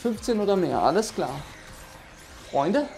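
A man in his thirties hosts a VR let's play with playful, slangy asides. His pitch moves widely and his pace is slow, with game music clearly behind. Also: big pitch swings, darkish tone. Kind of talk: casual VR gameplay commentary. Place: indoors, standing in VR headset.

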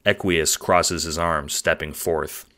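Male narrator with a very low voice for second-person audio drama narration. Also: fairly even intonation, slow pace, bright, forceful tone. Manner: descriptive storytelling.

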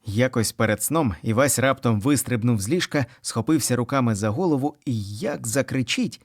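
A man narrating a children's story in an expressive storytelling manner. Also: medium pitch, normal speed, no echo, clean studio sound. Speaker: audiobook narrator.

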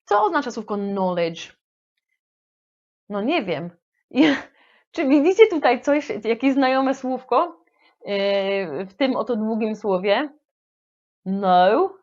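A woman's voice: fairly high pitch, lively intonation, slow, pauses often, darkish tone, highs cut off. A woman teaching English vocabulary in a playful, affectionate manner, with frequent hesitation fillers. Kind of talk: lively language lesson.

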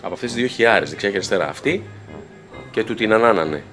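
Faint music sits behind a fairly low, animated, fairly bright-toned man's voice. Vlogging his workday as a TV station video editor, he walks to the control room chatting casually into a handheld camera, with playful jokes along the way.

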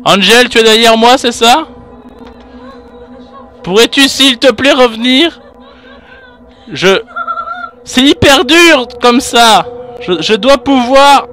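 A man doing panicked let's play commentary, shouting orders at his partner as he plays. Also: very high-pitched, lively intonation, takes it slowly, pauses often. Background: game music.

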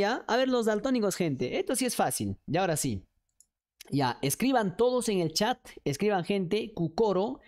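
A woman's voice: fairly low pitch, darkish tone. A woman, streaming and chattily coaxing her viewers to join a chat game. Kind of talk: casual livestream chat hosting a chat game.

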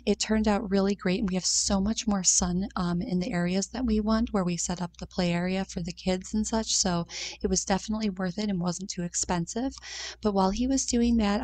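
A woman's voice: mid-range voice, darkish tone. A woman in her thirties narrating her cleaning vlog in a chatty, upbeat voice-over, with frequent "um"s. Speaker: cleaning vlogger.

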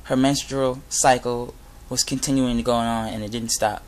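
A young adult man giving an informal sermon with Bible readings, speaking earnestly and a little haltingly. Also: medium pitch, fairly even intonation. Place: inside a garage. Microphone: device camera at close range.

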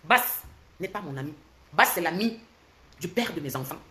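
Speaking through a phone held near her face in a brightly lit room, this Cameroonian French-accented woman in her forties delivers a heated livestream rant as a social media commentator. Her intonation is lively, and she moves quickly and combatively from loud ridicule to low, intense lecturing.

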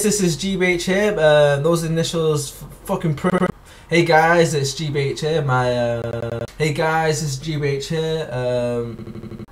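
Guy vlogger, slightly high voice, keeps restarting and cursing, recorded from a distance. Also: slight background noise. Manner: stumbling, restarts often, swears. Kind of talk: casual vlog intro. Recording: distant from the mic.

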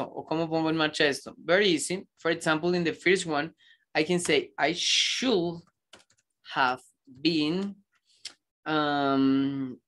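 A man teaching an English grammar lesson, with reflective rambling asides and slow, careful dictation of example sentences. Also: on the high side, fairly bright tone. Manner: switches between explaining and slow dictation of examples.

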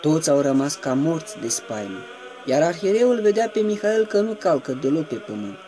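A man giving a reverent, measured devotional reading that slips into chanted intoning at times. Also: a little high, very animated, dark tone, soft background music. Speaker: reader of a saint's life.

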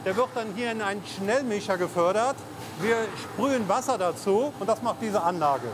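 A man in his fifties from Germany's Eifel region, head of a lasagna factory, gives an on-site interview on a large food factory floor. Speaking through a lapel mic at normal speed with a voice that sits high, he casually explains the production line, using fillers. Background noise and music play underneath.

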